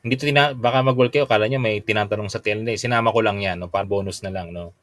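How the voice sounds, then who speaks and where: Reviewing for a licensure exam, a young adult Filipino teacher holds an online class in a lowish, steady, fairly bright voice, quick-paced and dryly recorded. After reading each quiz item aloud, he tests his listeners with plenty of tag questions, blending English and Tagalog courteously.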